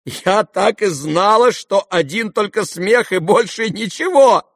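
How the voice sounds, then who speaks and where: A man doing a shrill exasperated young sister. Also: expressive, a little slow, creaky, fairly bright tone, no echo, clean studio sound, exaggerated voice. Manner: shrill, exclaiming.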